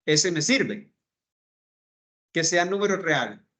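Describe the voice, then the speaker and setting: With a fairly high pitch that swings widely and a slightly bright sound, a man leads a screen-recorded coding lesson. He takes his programming students through the code one slow step at a time, pausing to ask "¿verdad?"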